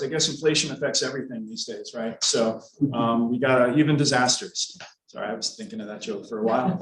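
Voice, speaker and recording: Guy running a local meeting, highish voice, echoey room, casual and halting. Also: fairly bright tone. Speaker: meeting host. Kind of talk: informal moderating of a community meeting. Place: indoor hybrid meeting room. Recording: echoey room, far from mic.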